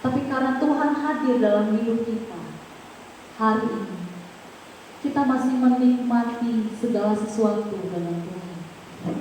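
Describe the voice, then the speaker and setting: A woman's voice: a little high, unhurried, pauses often, a little mellow. A woman preaching a sermon in a church, emphatic and repetitive, asking the congregation questions. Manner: emphatic, repeats phrases, asks the congregation questions. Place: large church hall. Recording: very echoey church hall, faint noise.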